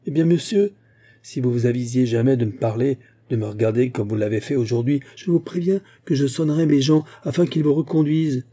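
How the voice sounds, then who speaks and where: A man's voice: medium pitch, a little fast, dark tone, lightly acted. A man voicing a drunk, quarrelsome middle-aged attorney with a thick, surly, blustering manner, raised above his own voice.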